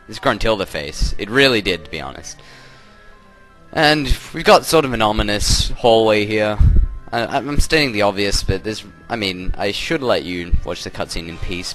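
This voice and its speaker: Young man, casual rambling let's play commentary, lowish voice, game music faintly under. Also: fairly bright tone. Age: young adult. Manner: rambling, self-interrupting, chuckly.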